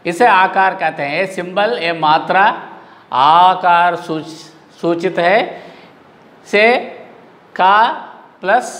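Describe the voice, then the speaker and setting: A man teaching a recorded lesson to young children, explaining slowly and repeating sounds aloud. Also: sits high, a bit bright, in a large hall.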